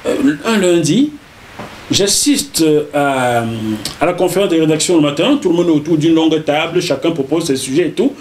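A middle-aged man with a Cameroonian French accent, a journalist recounting his career as an interview guest, animated and repeating words as he goes. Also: a little high, normal speed, slight background noise. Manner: animated, repeats words while telling a story. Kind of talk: casual interview storytelling.

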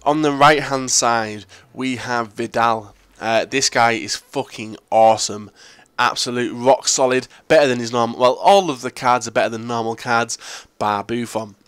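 A man's voice: medium pitch, fairly even intonation, normal speed, a bit bright, clean tone, dry recording. A young man with a Northern English accent giving casual gameplay commentary, full of crude, profane jokes. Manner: crude, joking, profane banter. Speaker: gaming YouTuber.

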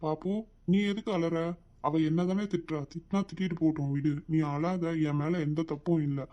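An actor playing a protective older brother in a cartoon, who speaks calmly and reassuringly. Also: male voice, on the high side, normal speed, lightly acted. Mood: soothing. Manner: calm, soothing, reassuring. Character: caring protective older brother, young adult man. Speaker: cartoon character. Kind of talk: cartoon voice acting.

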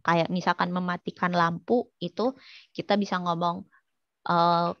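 A woman with a slightly low voice runs an online language class and keeps asking her students questions. Her chatty talk is full of fillers, and the recording sounds dull and lo-fi in a dry space. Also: little pitch movement, measured pace, no echo. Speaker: Korean language teacher.

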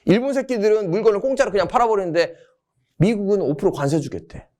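A man's voice: high-pitched, fast, warm tone. A man giving a casual exam-prep history lecture, telling it as a story. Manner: casual, storytelling, acts out quotes.

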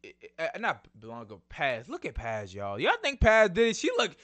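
This is a young man talking to his channel's viewers in a loose, slangy way, excitable and quick to call out to them. His voice is bright and cutting, a touch high for a man, and it rises and falls a lot. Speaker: YouTube channel host. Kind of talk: casual trailer breakdown vlog.

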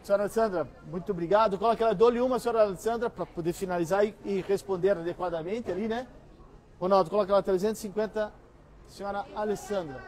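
A middle-aged man with a Brazilian accent working as an auctioneer, coaxing higher bids with repeated calls and pitching items to buyers. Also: quick pace, darkish tone. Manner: repetitive, coaxing bid-calling. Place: large busy antiques store hall, indoors.

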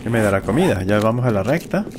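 A man's voice: on the low side, animated, quick pace, background noise. A man giving casual gameplay commentary, talking to himself as he plays. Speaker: gamer, let's play host.

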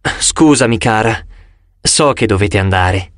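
Guy doing a kind nerdy dad, soft and a little shaky, dry close sound. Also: fairly low pitch, slow pace, dry recording, voice pushed down. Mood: tender. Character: flustered kind middle-aged professor father.

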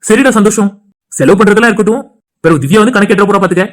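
A protective elder brother, voiced by a man in a cartoon, with a high, brisk voice. He soothes and teases gently. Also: lightly acted. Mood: concerned. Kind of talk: cartoon voice acting.

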